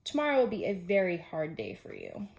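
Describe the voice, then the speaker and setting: A woman's voice: on the low side, wildly swooping pitch, brisk, gravelly, noisy background, heavily acted. A woman voicing a sensible male frog from a children's storybook, a practical friend who speaks in a firm, matter-of-fact way. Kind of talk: children's storybook character reading.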